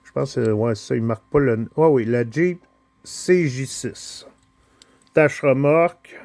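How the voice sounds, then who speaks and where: A male collector from Quebec presents his toy cars in a casual unboxing vlog, speaking slowly with many pauses and fillers. He has a mid-range voice with a darkish tone. The recording has no room sound.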